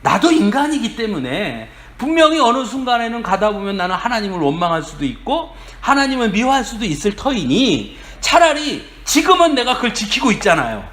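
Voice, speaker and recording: A male pastor giving a sermon, animated, acting out quoted voices and chuckling often. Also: high-pitched, a little fast, hardly any pauses. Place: church sanctuary.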